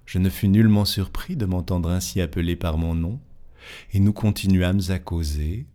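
A man reading a classic fantastic tale aloud in a measured, expressive way, lingering over descriptions. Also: low-pitched. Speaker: narrator.

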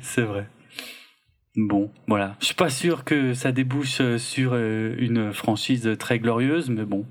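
Speaking slowly in a mid-range voice, a male podcast co-host reviews movies in a relaxed back-and-forth. He wanders off track, hesitates a lot, and leans heavily on filler words and hedges.

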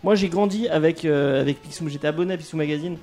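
Hesitant higher-voiced man, mellow tone. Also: quick pace, soft background music. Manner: hesitant, many fillers, swears casually. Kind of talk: casual chat.

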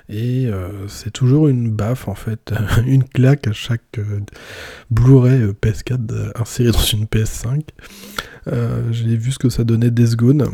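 A man's voice: medium pitch, dark tone, breathy edge, no echo, studio quality. A man hosting a casual solo podcast, talking in a hesitant way with many fillers and restarts. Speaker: podcast host.

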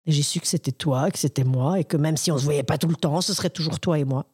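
A woman's voice: deep voice, fast, dark tone, breathy edge, voice pushed down. A woman playing a tender, rambling old friend. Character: sentimental woman dreaming of a blood sister. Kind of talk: improv scene.

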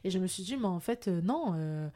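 A woman's voice: on the low side, expressive, brisk, dark tone. Candid, talkative French woman. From France. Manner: candid, talkative, frequent fillers. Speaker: guest, entrepreneur and influencer. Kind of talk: casual interview chat.

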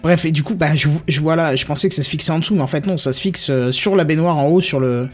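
A man's voice: fairly high pitch, fast, faint music behind. A man co-hosting a casual podcast, explaining a news item with many hesitations and restarts. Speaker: podcast co-host. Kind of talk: casual tech podcast chat.

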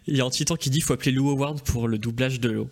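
A man hosting a casual live stream in a relaxed way, reading out messages from the chat. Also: medium pitch, very fast. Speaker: host.

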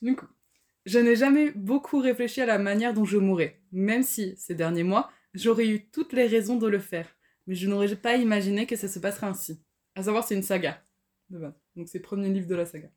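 A woman's voice: medium pitch, brisk. A young French-speaking woman co-hosting a book podcast, chatting casually and reading passages aloud. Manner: relaxed, reads passages aloud. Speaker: podcast co-host. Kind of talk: casual chat about books.

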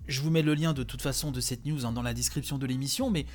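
A man's voice: mid-range voice, fairly even intonation, fast. A man hosting a gaming news podcast, talking casually with many small fillers. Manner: chatty, many "hein" and "euh" fillers.

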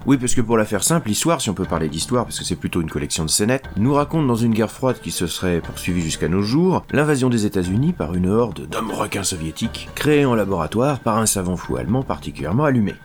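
A man's voice: fairly low pitch, very animated, quick pace, hardly any pauses, soft background music. A man giving a comic spoken film review in a sardonic, exasperated manner.

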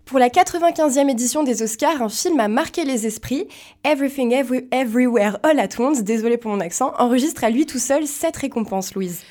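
A young woman hosting a news show, giving brisk scripted links between segments. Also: on the high side, expressive, a little mellow, soft background music. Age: young adult. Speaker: host.

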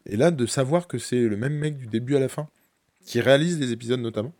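A man's voice: medium pitch, quick pace, darkish tone, dry recording. A man hosting a casual podcast, giving playful, grandiose introductions and often restarting his sentences. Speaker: podcast host.

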